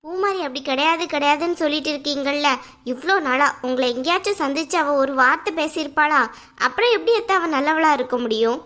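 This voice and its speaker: A woman voicing a sharp-tongued young woman in an animated family drama, sarcastic and scornful. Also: high-pitched, brisk.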